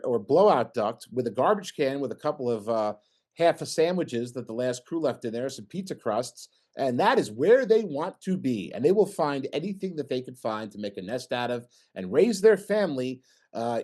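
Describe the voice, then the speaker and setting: A middle-aged man gives an informal technical talk with slides at an engineering meeting, joking and posing questions to the audience. His voice is mid-range with a darkish tone.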